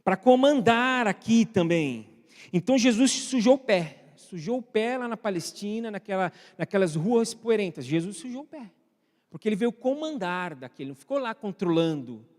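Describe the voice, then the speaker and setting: Man, Brazilian accent, pastor, chatty sermon, high voice, church reverb. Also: lively intonation, normal speed. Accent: Brazilian Portuguese. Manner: asks the congregation frequent questions; addresses online viewers at home. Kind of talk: conversational sermon. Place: church hall.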